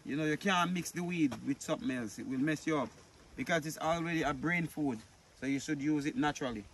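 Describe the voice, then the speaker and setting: A middle-aged Jamaican farmer answers questions in a relaxed, easygoing way. His voice sits a little high. The outdoor recording carries steady field noise. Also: fairly quick. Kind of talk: casual interview answers. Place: outdoors on a rural farm.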